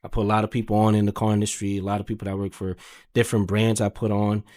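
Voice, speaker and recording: Talking very fast with little pitch movement, a man with a low, slightly mellow voice shares stories casually as a podcast guest. He's a car sales manager whose speech is emphatic and slangy, loaded with swearing and "man" and "you know".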